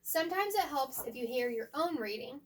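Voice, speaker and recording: A woman's voice: high-pitched, expressive, brisk. Patient woman tutor, recorded from afar. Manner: patient, asks guiding questions. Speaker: reading tutor. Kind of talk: one-on-one tutoring session. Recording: voice picked up from a distance.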